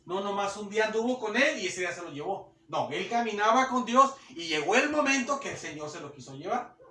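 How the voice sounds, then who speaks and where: A man's voice: sits high, lively intonation, a little fast, pushed and bright. A man preaching a sermon in a conversational way, repeating phrases and acting out the voices of churchgoers. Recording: echoey room, distant mic.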